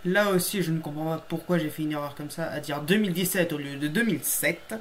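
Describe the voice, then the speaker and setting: A man's voice: on the high side, fairly quick, crowd noise. A man hosting a casual reaction video, chatty and emphatic, often laughing at his own mistakes. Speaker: YouTube host reacting to his old episode.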